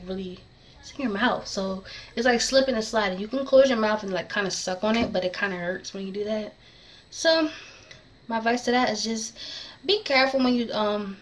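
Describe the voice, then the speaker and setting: High-voiced young woman with a tongue-piercing slur. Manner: slurred, slightly lisping speech from a tongue piercing; rambling, distracted, self-correcting. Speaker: vlogger. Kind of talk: casual advice chat to camera.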